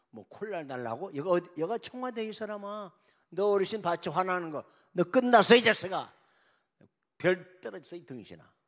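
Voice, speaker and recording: A pastor playing a scornful scolding army general. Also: male voice, medium pitch, a little mellow, close to an everyday voice. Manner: contemptuous, name-calling, rough scolding. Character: angry middle-aged male army general, church elder, scolding a subordinate.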